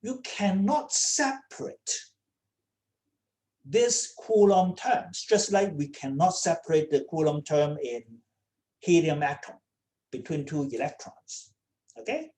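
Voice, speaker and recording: Slow-spoken woman lecturing with many "okay?"s. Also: low-pitched, lively intonation, warm tone. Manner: checks in with students often, repeating "okay?". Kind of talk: online lecture. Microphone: computer mic on a video call.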